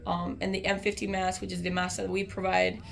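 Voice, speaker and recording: A woman's voice: lowish voice, monotone, brisk, vocal fry. An American woman, a soldier, explaining training procedures in an informal interview.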